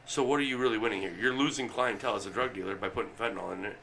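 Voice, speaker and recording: A man's voice: on the low side, rapid-fire, vocal fry, sharp tone, a little hiss or hum. A man co-hosting a casual podcast chat, talking bluntly with crude jokes. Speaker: podcast co-host.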